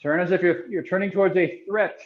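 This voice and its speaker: A man's voice: high-pitched, steady tone, a little fast, phone-quality sound. A man working as a karate instructor, explaining a drill to the class in informal, colloquial language.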